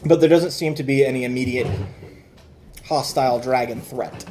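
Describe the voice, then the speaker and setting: A man's voice: mid-range voice, fairly even intonation, moderate pace, darkish tone, slight background noise. A man narrating a tabletop role-playing game as game master, casual and loose, with fillers and laughter.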